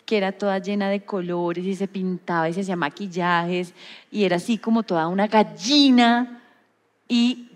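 A woman, an actress, telling stories in an interview, animated, laughing often and acting out voices. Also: mid-range voice, moderate pace, long reverb tail.

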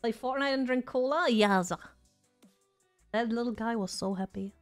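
Losing her voice mid-stream, a woman keeps chatting casually, rambling and poking fun at herself. Her voice is fairly high and her pace normal, with soft music playing behind her.

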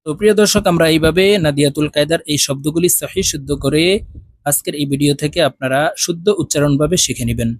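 A man teaching Quran reading, spelling out syllables letter by letter and drawing out the joined words in a slow, deliberate drill. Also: a little high, no room sound. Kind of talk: spelling out Arabic syllables slowly, then chanting the words.

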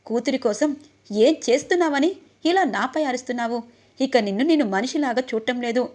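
A woman's voice: sits high, a little fast, darkish tone, lightly acted. A woman voicing a passionate, defiant young man who speaks out for the woman he loves in an impassioned way.

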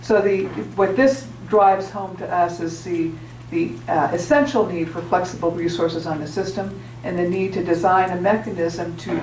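A woman on a conference panel, explaining grid needs in a measured way with frequent restarts. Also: lowish voice, darkish tone, slight background noise. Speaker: energy grid operator executive on a panel. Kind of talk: panel remarks. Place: large auditorium stage with audience. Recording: roomy hall sound from a distance.

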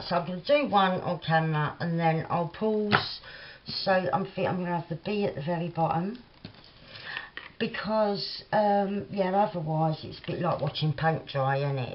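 A woman's voice: on the low side, highs cut off, a little hiss or hum. A woman with a Cockney accent chatting and thinking aloud as she works at her craft desk. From London. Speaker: craft vlogger. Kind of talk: casual crafting tutorial.

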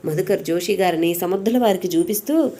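Mellow woman telling a devotional story. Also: on the low side, brisk. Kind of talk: scripted devotional story narration.

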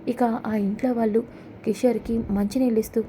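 Mellow-voiced woman narrating a serial recap. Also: fairly high pitch, normal speed, slight background noise. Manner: plain storytelling, steady.

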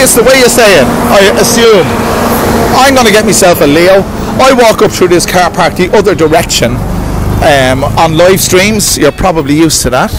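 A man's voice: on the high side, noisy background. An Irish man in his fifties hosting a casual street vlog at a night market, rambling and repeating himself as he talks to his viewers. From Ireland. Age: 50s. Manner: chatty, repetitive, addresses viewers as lads. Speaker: vlogger host. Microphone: handheld camera mic. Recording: outdoor street with crowd and music.

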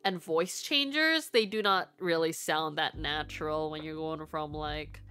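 A young woman who streams as a VTuber and works as an artist chats casually with her livestream viewers, rambling and giggling. Her voice is deep, bright and forceful at a measured pace, sometimes sounding stuffy-nosed, over faint background music.

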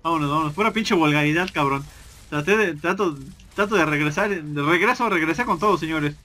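A man's voice: a little high, brisk, pushed and bright. A man doing casual, joking gameplay commentary and swearing constantly.

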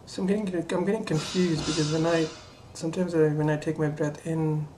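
A young adult woman talking casually to camera during voice practice, halting and muttering as she thinks aloud in a bedroom. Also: deep voice, fairly even intonation. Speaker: voice trainee doing breathing exercises. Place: small cluttered bedroom, indoors. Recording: faint room noise.

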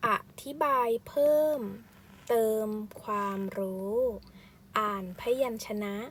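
A woman's voice: on the high side, takes it slowly, slight background noise. A woman teacher leading a first-grade reading lesson, reading word by word and spelling out each syllable. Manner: reads syllable by syllable, spelling out sounds. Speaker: primary school teacher.

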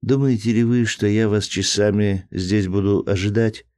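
A man's voice: fairly low pitch, fairly even intonation, normal speed, a little mellow, no room sound, natural voice. Man voicing a proud, teasing young noblewoman. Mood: cold. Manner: lightly mocking, then cold and firm.

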